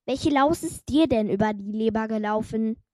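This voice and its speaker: A woman's voice: a little high, normal speed, mellow, no room sound, clean studio sound, natural voice. A woman voicing a small, cheeky young female demon who teases in a sarcastic way. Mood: teasing. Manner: teasing, sarcastic.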